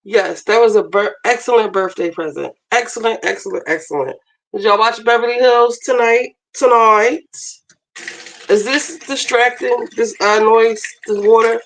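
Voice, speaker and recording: Hoarse woman, gravelly, unhurried, casual livestream chat, kitchen, phone camera. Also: a little high, steady tone, a bit bright, low-quality recording. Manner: chatty, multitasking while cooking. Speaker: livestream host. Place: home kitchen, running water.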